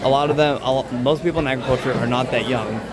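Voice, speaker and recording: Loud crowd behind, young man, earnest, halting, rambling casual chat. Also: medium pitch, fairly even intonation, poor audio. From Lexington, Kentucky. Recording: loud crowd chatter in busy venue. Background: loud crowd in a public space.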